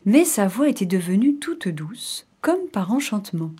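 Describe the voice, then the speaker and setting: A woman narrating a children's fairy tale in an expressive storybook reading. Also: mid-range voice, slightly rough. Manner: expressive, unhurried.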